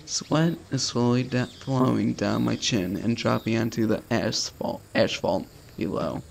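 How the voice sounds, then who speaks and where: A little hiss or hum sits under this gravelly, medium-pitched man, who speaks a little slowly. He's a streamer in a casual let's play, reading a visual novel's text aloud in an informal, slangy, offhand way.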